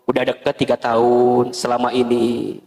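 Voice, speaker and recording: A male preacher voicing a sheepish husband confessing quietly, in an echoey hall. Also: medium pitch, monotone, moderate pace, pitched below the performer's own voice, close to an everyday voice. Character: sheepish husband admitting the truth. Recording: echoey hall with long reverb.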